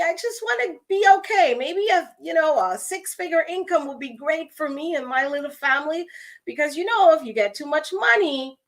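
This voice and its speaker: A woman from Guyana with a Guyanese accent, giving an expressive, conversational motivational talk and calling her listeners her friends. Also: high voice. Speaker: motivational speaker.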